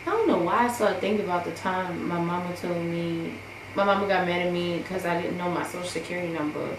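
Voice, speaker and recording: A woman's voice: fairly low pitch, steady tone, fast talker. A young woman vlogger, rambling casually and joking about herself as she does her makeup. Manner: chatty, self-deprecating, rambling with many fillers. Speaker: beauty vlogger. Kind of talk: casual get-ready-with-me chat. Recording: echoey room with background noise.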